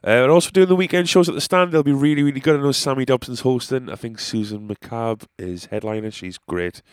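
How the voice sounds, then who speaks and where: Here a man with a mid-range, clean-toned voice talks fairly quickly on a dry, clean studio recording. He hosts his own podcast as a comedian and musician, rambling casually, cursing and poking fun at himself while his nose sounds stuffed up.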